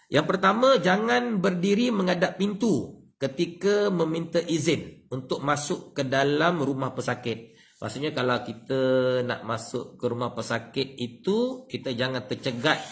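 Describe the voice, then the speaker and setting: A man with a Malaysian Malay accent teaching an evening religious class over a livestream. His delivery is animated, jumping up in pitch to act out exchanges and dropping low for asides, with frequent "ya" and "ha". A faint hiss and occasional clicks sit under the voice. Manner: animated, acts out dialogue, many "ya" and "ha" tags. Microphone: livestream microphone.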